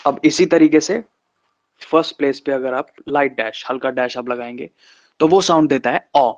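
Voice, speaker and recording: A man teaching shorthand in an online class, slowly repeating vowel sounds and example words. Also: mid-range voice. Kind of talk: online lesson. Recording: slightly dull, lo-fi sound.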